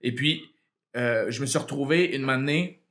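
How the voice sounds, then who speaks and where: A man with a Québécois French accent, a comedian telling animated stories with plenty of swearing in a casual podcast chat. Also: medium pitch, normal speed. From Quebec. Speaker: guest comedian.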